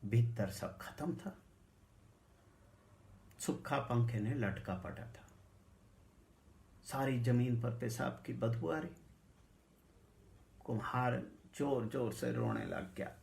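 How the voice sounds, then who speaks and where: A man narrates a folk tale at an unhurried pace. His voice is gravelly and steady. He keeps the narration hushed and lets the quoted voices ring out. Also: mid-range voice. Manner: hushed narration rising to loud quoted dialogue. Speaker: storyteller. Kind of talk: dramatic storytelling.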